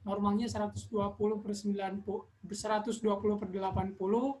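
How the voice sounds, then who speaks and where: A woman playing a telehealth nurse, speaking in a polite, explanatory customer service manner with halting repetitions. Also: mid-range voice, level tone, a little mellow, lightly acted. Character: polite telehealth nurse taking a patient's call. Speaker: telenursing nurse in a practice role-play. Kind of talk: role-played customer service call. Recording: faint background noise.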